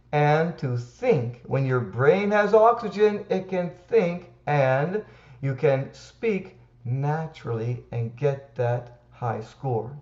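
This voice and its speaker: Slow, reassuring male tutor in an echoey room. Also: fairly high pitch, darkish tone. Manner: slow, emphatic and reassuring, counting breaths aloud. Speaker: TOEFL tutor. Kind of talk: direct-to-camera teaching. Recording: echoey room, slightly dull sound.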